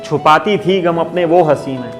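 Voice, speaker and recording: Reciting a ghazal live at a Mumbai open mic, the slightly high-voiced male poet keeps a moderate pace over music. He declaims each couplet, then repeats it with growing force, an instrument playing clearly alongside.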